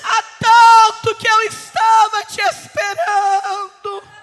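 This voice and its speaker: A woman preacher voicing an older father who weeps and shouts as he welcomes his son home, in a reverberant church with music behind. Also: extremely high pitch, little pitch movement, slow pace, pitched above the performer's own voice, exaggerated voice. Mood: tearful joy. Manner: weeping, shouted embrace.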